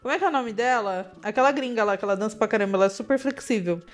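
A woman with a Brazilian Portuguese accent co-hosting a podcast in casual chat, bubbly and quick to laugh, her pitch swinging up often. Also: expressive. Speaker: podcast co-host.

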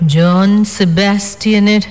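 A man voicing a slow-speaking, raspy old foreign woman in an audio ghost story. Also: high-pitched, fairly even intonation, darkish tone, pitched above the performer's own voice. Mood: eerie. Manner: very slow, drawn-out speech.

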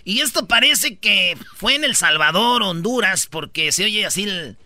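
Mexican radio host guy, high bright voice, slangy and jokey, dry studio sound. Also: lively intonation, a little slow, dry recording. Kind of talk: comedic radio countdown chat.

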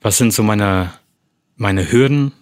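A man's voice: fairly low pitch, takes it slowly. A man who works as an actor, talking casually about preparing roles and rambling through many fillers and restarts. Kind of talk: casual chat.

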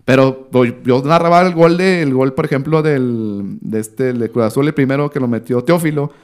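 A Mexican man in his thirties chats as a podcast guest with a mid-range voice. He tells his story in a loose, slangy, lively way and acts out the voices of the people in it. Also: medium pitch, moderate pace, clear, resonant tone. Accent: Mexican Spanish. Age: 30s. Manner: animated, slangy, acts out what others said. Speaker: podcast guest, sports commentator. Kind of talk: casual storytelling chat.

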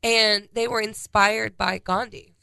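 Congested woman with a gravelly voice. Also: mid-range voice, steady tone, slow, sharp tone, dry recording. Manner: reads out a history timeline of dates. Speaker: podcast co-host. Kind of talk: casual podcast chat.

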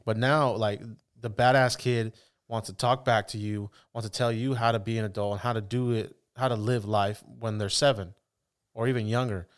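Straight-talking guy on a podcast, clear smooth voice. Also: fairly low pitch, fairly even intonation, normal speed. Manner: emphatic, blunt. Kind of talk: casual chat.

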